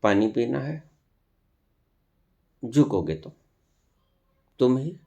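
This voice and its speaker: A man giving a spiritual discourse as a teacher, speaking deliberately with long pauses and sometimes scolding his listeners with rhetorical questions. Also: medium pitch, expressive, vocal fry, dark tone, lo-fi sound.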